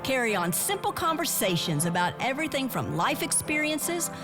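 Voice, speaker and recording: A woman reading a scripted show intro in a bright, upbeat announcing voice. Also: sits high, sing-song, normal speed. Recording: voice over loud music bed.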